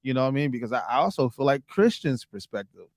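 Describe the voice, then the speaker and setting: A man's voice: mid-range voice, sing-song, quick pace, no echo, clean studio sound. A man who is a guest on a podcast, debating casually, asking questions and affirming with short interjections.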